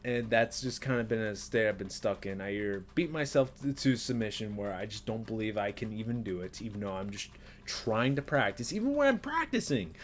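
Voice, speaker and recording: A vlogger in his twenties rambles self-critically in an unedited personal vlog, full of fillers and nervous laughs. He records on a desk webcam in a small bedroom, his voice fairly low with a little background noise.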